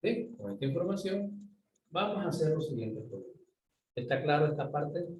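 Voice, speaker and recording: A man lectures students in a mellow, dark voice, patiently explaining and pausing to ask if they follow. He sounds set back from the mic in an echoey room with a faint hum of ambience behind him. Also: a little high, animated. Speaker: university lecturer. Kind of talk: online physics lecture. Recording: roomy, distant mic, faint ambient noise.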